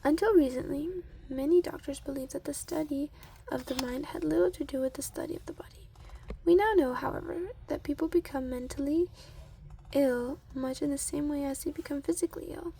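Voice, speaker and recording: A woman doing a soft-spoken ASMR reading from a book in a gentle, breathy voice that often sinks into a whisper, unhurried, with murmured asides. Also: sits high, rough recording.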